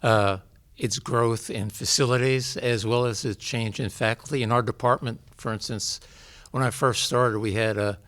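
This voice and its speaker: A man in his seventies from New York, a pediatrician and professor, answering interview questions in a measured, explanatory way. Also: medium pitch, fairly bright tone. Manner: measured, explanatory, listing facts.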